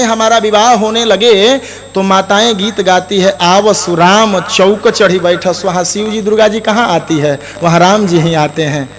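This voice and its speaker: High-voiced Hindi katha preacher. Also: male voice, a bit bright. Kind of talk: devotional sermon with scripture recitation.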